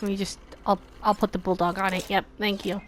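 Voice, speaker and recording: A woman's voice: medium pitch, flat delivery, a little fast, slight background noise. A young woman commentating her gameplay casually, exasperated and dramatic, swearing freely. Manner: exasperated, profane, dramatic outbursts. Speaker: let's play gamer.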